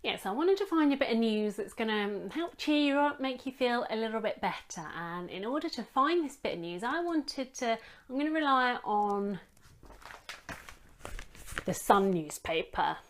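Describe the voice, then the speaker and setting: A woman's voice: fairly high pitch, big pitch swings, normal speed. Rambling, wry woman vlogger. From England. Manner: rambling, self-deprecating, wry. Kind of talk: casual chatty vlog. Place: home room with daylight. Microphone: phone front camera.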